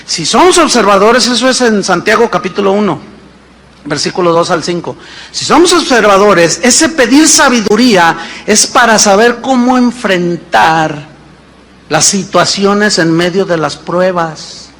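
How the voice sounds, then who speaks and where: A man in his fifties preaching a sermon as pastor, animated and full of rhetorical questions. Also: sits high, unhurried. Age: 50s.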